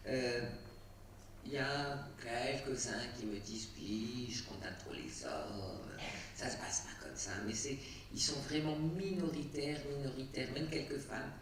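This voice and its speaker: After a screening, a woman director, a native Arabic speaker, tells stories casually to the audience in a cinema auditorium, with lots of fillers and restarts. Her bass voice is very animated but unhurried. She's far from the mic in an echoey hall, and there's a little hiss or hum.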